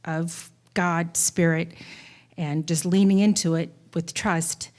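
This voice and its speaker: A woman congregant sharing thoughtfully, pausing and searching for her words. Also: on the low side, steady tone, darkish tone.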